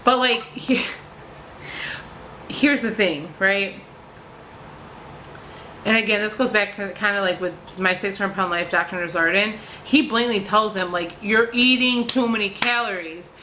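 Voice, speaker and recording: A woman's voice: medium pitch, measured pace, long pauses, pushed and bright, a little hiss or hum, rough recording. A woman vlogger ranting casually to camera, frustrated, swearing freely and filling her talk with "like".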